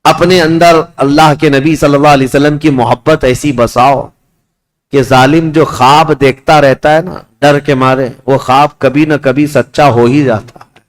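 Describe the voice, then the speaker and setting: A man's voice: steady tone, moderate pace. A man preaching a sermon, telling a story with passion and calling his listeners his dear ones. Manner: impassioned storytelling, rising pitch at climaxes. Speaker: Islamic preacher.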